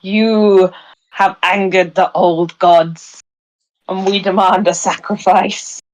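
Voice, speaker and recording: A woman voicing a menacing, possessed demonic tiefling woman who makes slow, ominous demands in a tabletop game. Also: medium pitch, fairly even intonation, close to an everyday voice, low-quality recording. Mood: menacing, commanding. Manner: menacing, possessed-sounding proclamation.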